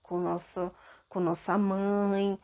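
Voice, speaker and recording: A woman's voice: mid-range voice, slow pace, background noise. A woman with a Brazilian Portuguese accent, telling a Bible story to children and asking them questions. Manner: animated, asks children questions.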